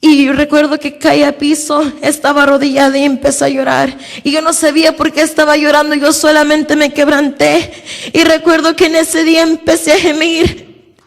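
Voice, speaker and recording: A young woman gives a church testimony in a high, gravelly voice that stays quite level. She speaks slowly and haltingly, often restarting her sentences. The sound carries a long, echoing church-hall reverb. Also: flat delivery, faint music behind. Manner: slow and halting, with many repeated openings. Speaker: church member giving testimony. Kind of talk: personal religious testimony.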